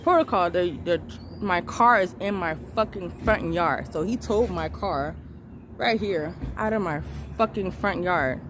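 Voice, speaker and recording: A woman's voice: on the low side, unhurried, background noise. A woman and mother of three retelling her arrest in an angry, blunt vlog vent, swearing freely and hammering her points with emphasis. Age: adult parent of three children. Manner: blunt, profane, emphatic and defiant. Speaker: vlogger recounting her arrest.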